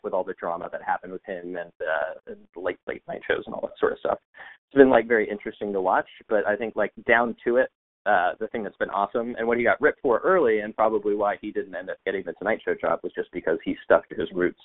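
A man from the United States, a podcast guest, chatting casually with many fillers and restarts over a remote call. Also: deep voice. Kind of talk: casual interview chat. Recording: tinny phone-like line.

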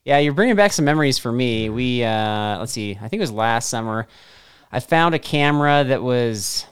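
A man's voice: mid-range voice, expressive, moderate pace, clean tone. A man hosting a podcast, asking friendly, rambling questions full of fillers. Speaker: podcast host. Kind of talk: casual interview.

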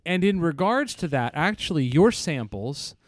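A man's voice: a little high, big pitch swings, normal speed, no echo. A man co-hosting a casual podcast, explaining voice science terms and thinking aloud with frequent restarts. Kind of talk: casual technical discussion.

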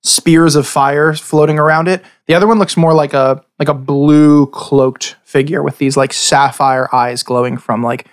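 A man with a fairly high voice runs a tabletop game. He narrates casually as game master, piecing descriptions together haltingly as he goes. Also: fairly even intonation.

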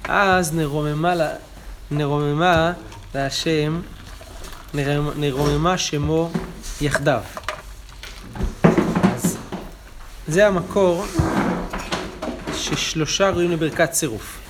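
A man's voice: a little high, steady tone, long pauses, heavy background noise. Man teaching a Talmud page. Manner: explains texts, chanting quotations louder. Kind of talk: daily Talmud class.

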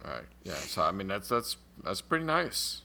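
An American man with a low, gravelly voice talks loosely on a podcast. He rambles through his points, restarts sentences and swears now and then, in relaxed podcast chat. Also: moderate pace. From United States. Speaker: podcast co-host. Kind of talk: casual podcast chat about a tabletop game.

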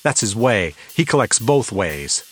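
A man's voice: fairly low pitch, expressive, moderate pace, fairly bright tone, soft background music. A man voicing an angry, tough young detective, snapping with rage. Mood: furious. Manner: snapping, raging, contemptuous.

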